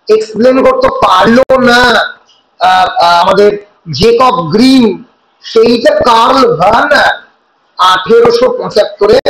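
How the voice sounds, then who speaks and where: A high-pitched man with a Bengali accent teaches a class, explaining step by step and checking in with rhetorical questions. The room is echoey around his voice. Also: fairly bright tone. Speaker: college teacher. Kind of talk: lecture in Bengali mixed with English.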